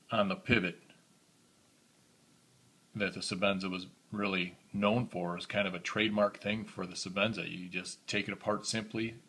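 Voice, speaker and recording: A man with a monotone voice, talking casually through a knife review for his vlog, recorded on a phone camera. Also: low voice. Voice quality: monotone, self-described.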